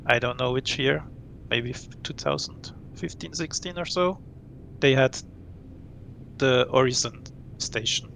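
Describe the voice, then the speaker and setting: A Swiss man in his late thirties appears as a relaxed guest in a casual interview, speaking in a gravelly voice over a faint rumble. He's thoughtful, often laughs between points, and pauses to recall things.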